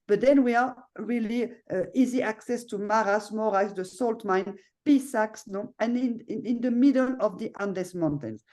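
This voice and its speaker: This hotel owner, a middle-aged woman with a French accent, shows off her property over video in a chatty way, her speech full of fillers and tags like "no?" and "you know." She has a fairly high, slightly mellow voice and keeps a moderate pace with few pauses.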